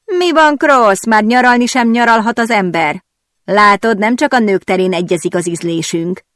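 A woman's voice: medium pitch, a bit bright, no room sound, voice pushed up, natural voice. A woman reading an audiobook, voicing a smug rival male racing driver who mocks and needles, in a dry, close recording. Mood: taunting. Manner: mocking, needling.

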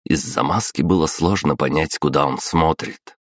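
Very deep-voiced male audiobook narrator. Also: normal speed, a bit bright, no echo, studio quality. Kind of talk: scripted narration of a fantasy novel.

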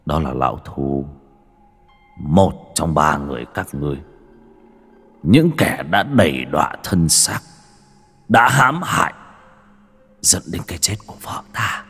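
A man's voice: rumbling low, very animated, brisk, creaky, pauses often, fairly bright tone, husky, soft background music, pitched below the performer's own voice, exaggerated voice. A man voicing a vengeful village man who speaks in a cold, sneering, threatening way in an audio story. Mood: cold menace.

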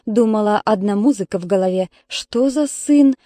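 A woman's voice: medium pitch, moderate pace, warm tone, no echo, lightly acted. A woman reading as a grumpy, complaining middle-aged mother who scolds her neighbors and children. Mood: grumbling. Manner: complaining, strict.

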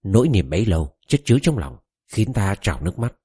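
A man narrates a novel in the first person with a deep, dark voice. His pitch swings widely as he tells the story, and he voices each quoted character in turn. The sound is dry and close, with no room around it. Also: sing-song, fast, slightly rough, no room sound. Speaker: audiobook narrator.

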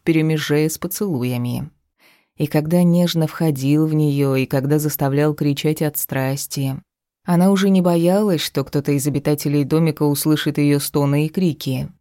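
An audiobook narrator reads a fantasy romance in an even, measured way. The tone is dark and mellow. The recording is dry and close. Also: medium pitch, no echo.

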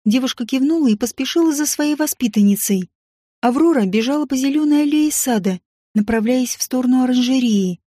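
A woman narrating an audiobook story in a calm, even reading voice. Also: high voice, brisk, dry recording, clean studio sound.

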